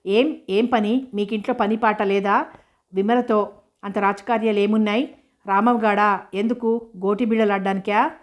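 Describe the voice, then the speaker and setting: A woman's voice: mid-range voice, steady tone, normal speed, lightly acted. A woman reading as a harsh scolding father. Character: domineering, suspicious middle-aged father.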